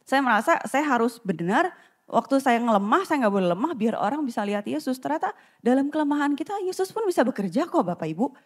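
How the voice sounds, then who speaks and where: A woman stands at the front of a church and shares her personal story with the congregation. Her voice sits high, and her telling is candid, animated and self-deprecating. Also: quick pace. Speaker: church member giving testimony. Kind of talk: personal testimony at church, casual.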